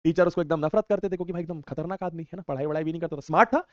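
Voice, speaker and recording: In a dull, dry recording with no room sound, a young man speaks rapid-fire in a slightly high, darkish voice. He's teaching an online class, casually chatting and reading out viewer comments with slangy, playful teasing.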